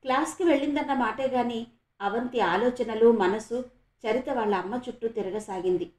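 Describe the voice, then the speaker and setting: A woman from Andhra Pradesh narrating a novel as an audiobook, in a steady, measured storytelling voice. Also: a little high. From Andhra Pradesh, India. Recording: echoey room.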